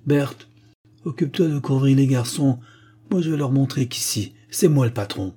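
A man doing a gruff old farm patriarch. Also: mid-range voice, normal speed, mellow, pitched above the performer's own voice, natural voice. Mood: commanding. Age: older. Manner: gruff, commanding.

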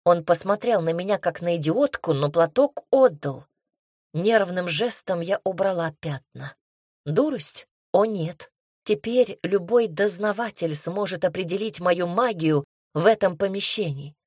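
A woman narrating a first-person fantasy audiobook in the voice of an indignant, sharp-tongued heroine. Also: on the low side, no echo, clean studio sound.

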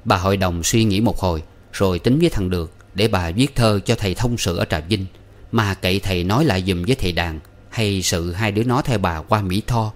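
A man reading a story aloud as narrator in a steady, even manner. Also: sits low. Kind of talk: audiobook narration.

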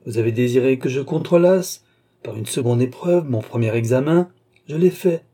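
A man reading the part of a stern, solemn doctor in an audiobook, with a very dark, husky voice. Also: medium pitch, normal speed, natural voice. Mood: cold. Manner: solemn, insistent. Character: grave, stern older male doctor.

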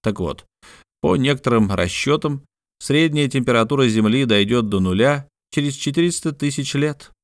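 Male reader as calm scholar, measured explaining, mid pitch, dry sound. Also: no echo, lightly acted. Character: calm, learned man, patient and methodical.

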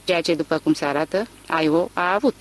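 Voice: medium pitch, slight background noise, natural voice, low-quality recording. An audiobook reader voicing a shrewd, talkative country man with a wry, questioning manner.

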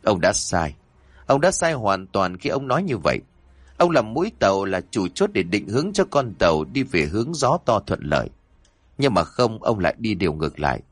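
Man playing a stern exorcist master, low and firm. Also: slightly rough, dry recording. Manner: lecturing firmly, admonishing.

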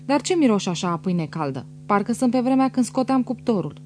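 A woman's voice: fairly high pitch, expressive, mellow, slight background noise, close to an everyday voice. A woman reading as a cheerful old aunt. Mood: amused. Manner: pleased, chatty. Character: old woman, the squint-eyed, ever-smiling aunt. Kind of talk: audiobook character reading.

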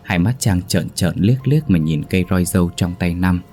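A man's voice: sits low, lively intonation, normal speed, mellow, faint music behind. A man narrating a horror story in a dramatic, suspenseful manner.

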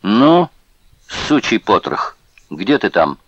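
A brutal male camp guard jeers in a raised, loud voice, as a man puts him on in an audiobook. The sneer rides on a pitch well above the reader's own deep voice. The recording is close and dry. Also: very animated, slow, no echo, highs cut off, heavily acted. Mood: jeering. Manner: jeering, sneering.

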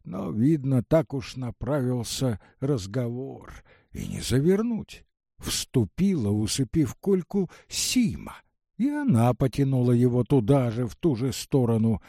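A man narrating a literary audiobook, slow and expressive. His voice is gravelly, dark and mellow, with a lively rise and fall. The sound is close and dry. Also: medium pitch, no room sound.

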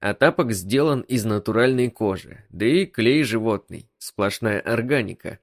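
A man reading a first-person story as an audiobook narrator, in an even, measured manner. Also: lowish voice, no echo, clean studio sound.

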